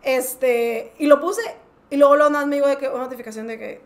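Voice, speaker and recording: A young Mexican woman co-hosting a podcast, telling stories in an excited, chatty way full of filler phrases. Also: high-pitched, quick pace. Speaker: podcast co-host. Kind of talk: casual chat.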